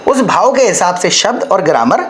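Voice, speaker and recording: A man's voice: sits high, very animated, normal speed, fairly bright tone, slight background noise. A man teaching a spoken-English lesson, patiently explaining and checking in with his learner.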